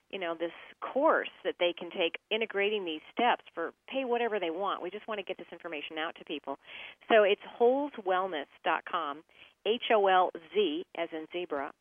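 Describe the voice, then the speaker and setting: A woman guest talks in a relaxed, friendly way, full of little fillers. She comes through a tinny, narrow phone line. The sound is dry and close. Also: on the low side, dry recording. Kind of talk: casual radio interview over the phone. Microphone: telephone.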